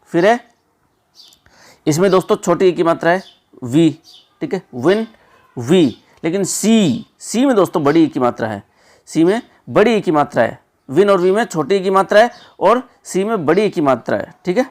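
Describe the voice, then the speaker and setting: A man tutoring for an exam walks through the answers step by step, his high voice animated and moderately paced. He repeats words constantly and keeps checking in with listeners, saying "theek hai" and "doston" again and again.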